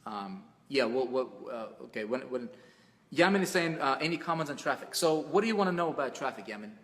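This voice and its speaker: A man's voice: mid-range voice, animated, brisk, fairly bright tone, big-room sound. A man hosting an online webinar, giving a casual motivational talk full of fillers and restarts, often calling his viewers "man.". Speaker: webinar host.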